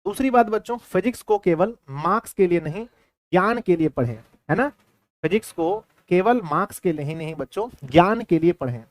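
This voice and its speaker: A man's voice: sits high, lively intonation, brisk, dry recording. A man with a Bihari Hindi accent teaching a class, repeating himself and quizzing his students. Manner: repetitive, keeps quizzing students. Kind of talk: classroom lecture.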